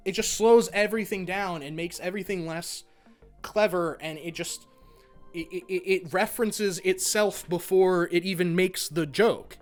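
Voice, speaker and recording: A man's voice: high-pitched, steady tone, measured pace, faint music behind. A young man giving a casual spoken cartoon review, ranting and swearing in exasperation. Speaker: animation reviewer.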